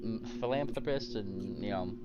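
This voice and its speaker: A man with a lowish voice narrates as game master of a tabletop role-playing game, stopping often on fillers as he reads out details. His failing headset strips the bass away and leaves him sounding thin and tinny. The audio is dull and lo-fi. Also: normal speed, very noisy. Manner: hesitant, many fillers. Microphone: failing headset mic on voice chat.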